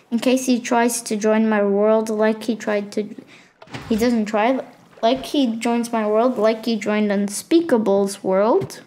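A woman's voice: fairly high pitch, darkish tone, slight background noise. A woman hosting a gaming channel, giving a casual tour of her game world and stopping often with fillers and self-corrections.

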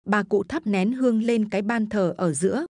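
A woman narrates a spooky village folk tale in a steady, even storytelling voice. The recording is dry and close, with no room echo. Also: medium pitch, normal speed.

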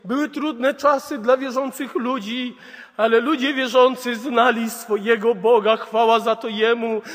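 A man's voice: extremely high pitch, steady tone, a little slow, long reverb tail. A man preaching a sermon, retelling a story as a storyteller and often repeating "he says".

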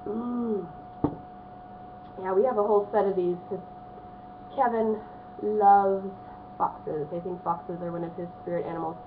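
A young woman talks through a casual home vlog, a little hoarse from a cold and rambling with plenty of ums. Her voice comes through a narrow, phone-like band with a faint hiss underneath. Her pitch sits in the middle for a woman. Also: steady tone, measured pace, long pauses. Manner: chatty, rambling, frequent ums. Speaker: vlogger. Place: home, at a small desk.

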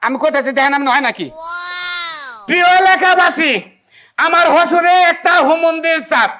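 A man playing an exasperated, embarrassed son-in-law in a loud comedy skit, with a rural Bangladeshi accent and whining, protesting outbursts. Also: very high-pitched, normal speed. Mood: mocking, wailing.

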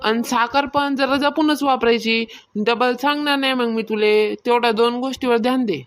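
A woman with a voice on the high side, close to how she normally talks, speaks at normal speed with fairly even intonation. She voices a bossy, stingy, self-important lady of the house in a cartoon comedy, nagging in colloquial Varhadi Marathi with a rural Maharashtra accent.

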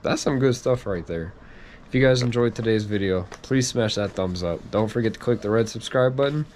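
A man's voice: fairly low pitch, darkish tone, a little hiss or hum. A man, a father vlogging casually from a car dealership and reading a daily devotional. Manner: easygoing, quick-talking, says y'all. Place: car dealership showroom, then home.

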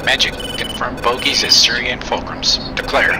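A man's voice: mid-range voice, flat delivery, moderate pace, lightly acted. A man playing a businesslike fighter flight lead in a flight game, giving clipped, procedural military radio calls. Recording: loud aircraft cockpit noise.

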